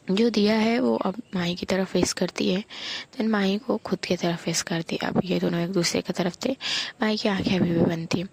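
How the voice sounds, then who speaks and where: Husky woman whispering a love story. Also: on the low side. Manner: soft, intimate whispering. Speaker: audio story narrator.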